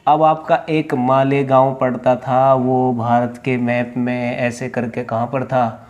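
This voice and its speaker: A man teaching a lesson, explaining step by step, asking questions and answering them himself, drawling names slowly as he writes. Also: mid-range voice, level tone, a little mellow, highs cut off. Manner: drawls place names slowly while writing. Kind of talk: classroom lecture at a board. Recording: faint background noise.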